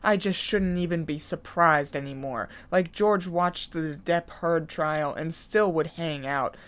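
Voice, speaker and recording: A man's voice: fairly high pitch, unhurried, a bit bright, smooth. A man giving a crude, sarcastic rant in a drama commentary video. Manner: sarcastic, mocking, crude ranting. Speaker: commentary YouTuber.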